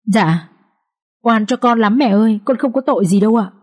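A meek young daughter-in-law humbly pleads her innocence, as a woman reading the story puts her on. Her voice is soft and mellow, polite even under accusation. She sounds small and cornered. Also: fairly high pitch, moderate pace, voice pushed up, natural voice. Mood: pleading.

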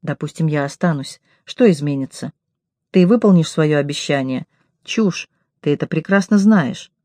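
A stern, weary young man speaks with curt, cold contempt, as a woman reading an audiobook voices him. The voice is dark and mellow, with no liveliness in it. The recording is close and dry, without any room sound. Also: deep voice, animated, normal speed, dry recording. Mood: cold, contemptuous.

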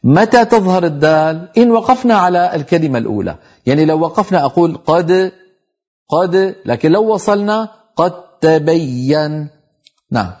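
A middle-aged man teaching tajweed on a televised lesson, explaining each rule and reciting the example words slowly. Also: high voice, sing-song, a little mellow, husky, dull audio.

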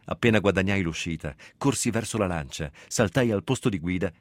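A man reading a fast-moving passage from a novel as dramatic narration. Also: low voice, expressive, no room sound. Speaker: book reader.

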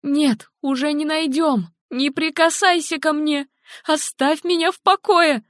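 A woman's voice: sits high, measured pace, dry recording, clean studio sound, pitched above the performer's own voice. A woman reading an audiobook, voicing a frantic, grieving young mother who is near-hysterical and sobbing.

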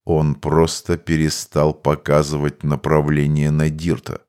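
A cryptic male mage speaks in a deep, slow, measured way, every word matter-of-fact, as a man reads him in an audiobook. The voice sits well below the narrator's. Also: completely flat delivery, darkish tone, clean tone. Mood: puzzled. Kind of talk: audiobook character voice.

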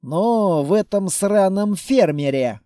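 A man's voice: sits high, lively intonation, takes it slowly, dark tone, no room sound, studio quality. A man voicing a whiny, grumbling male fighter in an audiobook, complaining and mumbling as he talks.

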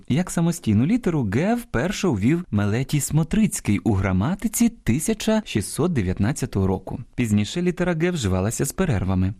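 A man hosting an educational radio program on language, explaining words in a measured way and stressing each example. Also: mid-range voice, dark tone. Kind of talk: scripted educational radio talk.

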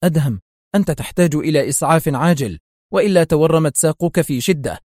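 A man doing an excitable older doctor. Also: fairly high pitch, fast, dry recording, studio quality. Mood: worried. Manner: eager, exclaiming.

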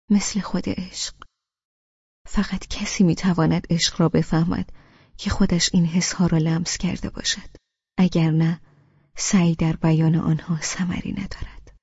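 Audiobook narrator, woman, soft hushed delivery, warm low voice, dry dull recording. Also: no echo. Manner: soft, hushed, breathy reading. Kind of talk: scripted first-person narration.

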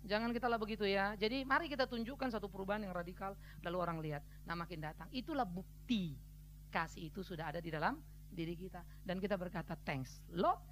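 High, quick-talking preacher man. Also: a bit bright. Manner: colloquial and blunt, addresses the congregation directly; acts out quoted voices of other people. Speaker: pastor. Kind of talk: sermon.

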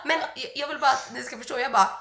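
A woman hosting a podcast in casual chat. She has a croaky, stuffy-nosed voice and tells stories animatedly, full of quoted dialogue. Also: high voice, pushed and bright, echoey room. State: stuffy nose. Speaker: podcast host.

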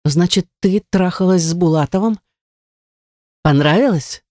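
In a dry, unhurried recording, a woman reads an audiobook passage in a high-pitched voice. She plays a jealous, cruel young man who snarls and sneers, and the mood is dark and menacing.

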